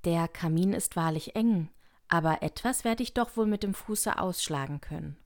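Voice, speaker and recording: A woman's voice: fairly low pitch, moderate pace, lightly acted. A woman voicing a curious young girl who thinks aloud to herself in an audiobook. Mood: musing. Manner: talking to herself. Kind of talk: audiobook reading.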